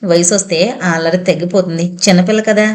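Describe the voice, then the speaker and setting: A woman narrator voicing a kind, gentle orphanage warden in a spoken novel, with a coaxing, soothing manner. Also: lowish voice, steady tone, fast, lightly acted.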